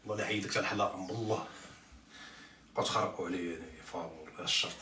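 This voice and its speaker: A man's voice: sits low, steady tone, very fast, sharp tone. A man with a Moroccan accent in heated informal live chat, talking in an emphatic, exhorting way. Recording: echoey, distant, noisy sound.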